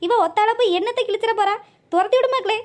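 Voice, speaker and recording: A woman's voice: very high voice, fast talker. A woman doing a sneering cartoon mother-in-law. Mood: scornful. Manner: sneering, mocking. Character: scornful bossy village mother-in-law.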